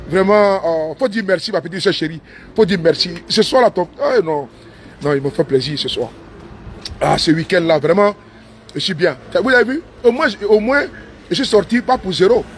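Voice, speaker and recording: A man's voice: high-pitched, slight background noise. A man streaming live from inside his car, talking in a long, repetitive, rambling monologue and slipping into broken English now and then. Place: inside his parked car with engine running.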